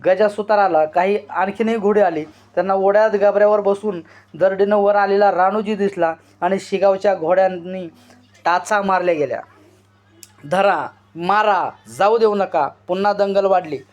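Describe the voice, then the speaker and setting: A man reading a novel aloud as an expressive storyteller, drawing out shouted cries. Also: sits high, normal speed. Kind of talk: dramatic literary reading. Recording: dull lo-fi recording.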